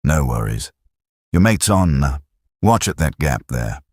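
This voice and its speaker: A man reading as a cheeky young British private, breezy and teasing. The voice sits very deep but swings up and down a lot, with a husky edge and a dry, close sound. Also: very animated, unhurried, darkish tone, no room sound, heavily acted. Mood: friendly.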